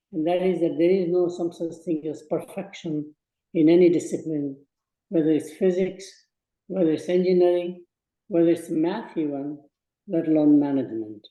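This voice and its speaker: A man in his eighties from Burma, giving slow, measured advice in a speech to students. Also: on the high side, dark tone, echoey room, dull audio. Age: 80s. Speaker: guest speaker.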